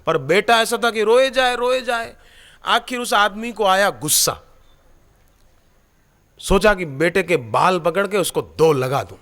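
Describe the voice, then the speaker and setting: Animated male preacher with a high voice. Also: a little slow, long pauses. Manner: animated storytelling, questioning the audience. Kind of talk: devotional sermon.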